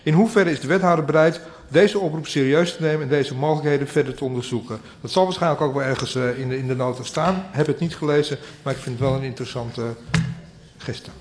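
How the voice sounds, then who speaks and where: A man's voice: medium pitch, quick pace, a little hiss or hum. A man speaking for his party in a council meeting, who reads a prepared statement and then adds loose asides. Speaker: council member. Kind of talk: formal council speech. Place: council chamber.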